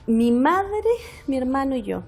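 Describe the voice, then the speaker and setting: A woman's voice: high-pitched, very animated, unhurried, gravelly. A woman in her fifties from Chile, a parliamentarian guest, telling personal stories in a reflective, hesitant way. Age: 50s. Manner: warm reflective storytelling, frequent hesitations. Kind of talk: conversational interview.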